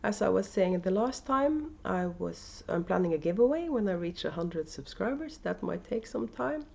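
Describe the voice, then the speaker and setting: With a Norwegian accent and an animated delivery, a woman hosts a knitting video podcast from home, chatting unscripted and casually while often restarting and adding fillers. Her mid-range voice moves at normal speed, warm and creaky. The audio comes from a camera mic indoors.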